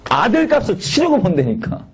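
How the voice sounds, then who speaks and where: A man's voice: high voice, wildly swooping pitch, moderate pace, slight background noise. A man preaching a sermon to young listeners, talking in a colloquial style and putting rhetorical questions to the audience. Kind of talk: sermon to a youth gathering.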